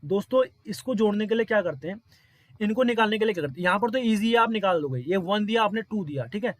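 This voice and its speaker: Brief: male tutor, high voice, dry close sound, repetitive step-by-step explainer. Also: animated, fast, dry recording. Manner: repetitive, quizzes listeners often. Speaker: teacher. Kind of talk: explaining exam problems step by step.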